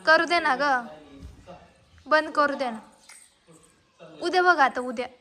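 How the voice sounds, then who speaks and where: High-voiced woman coaxing a toddler. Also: takes it slowly, bright, forceful tone. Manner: coaxing, playful talk to a toddler. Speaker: vlogger, mother. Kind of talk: casual family vlog.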